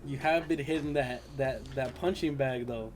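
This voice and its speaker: A young man co-hosting a casual podcast who throws in jokes and quick comebacks. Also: medium pitch, darkish tone, faint music behind. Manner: joking interjections, laughs often. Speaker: podcast co-host. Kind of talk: casual chat.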